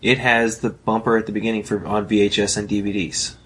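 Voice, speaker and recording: A man's voice: on the low side, little pitch movement, fairly quick, a bit bright, slightly rough. A man co-hosting a casual podcast chat, rambling and laughing often as he talks. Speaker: podcast co-host.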